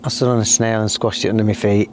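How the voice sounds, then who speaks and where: Chatty middle-aged man, low-voiced. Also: fast talker, a little hiss or hum. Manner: chatty storyteller, animated when ranting. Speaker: podcast co-host. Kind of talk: casual chat. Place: outdoors in a garden.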